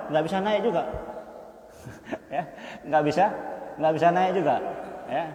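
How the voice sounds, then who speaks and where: A man giving a Quran study sermon, repeating points and tagging them with "ya kan?". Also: on the high side. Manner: repetitive, punctuates with "ya kan?". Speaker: preacher. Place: mosque hall. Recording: roomy mosque reverb.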